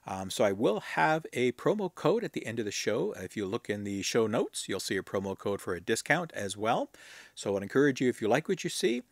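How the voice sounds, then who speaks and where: A man's voice: medium pitch, big pitch swings, a little fast, creaky, no room sound. A man hosting his own show, casually reviewing car accessories in an easygoing way, with lots of uh and um fillers. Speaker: host.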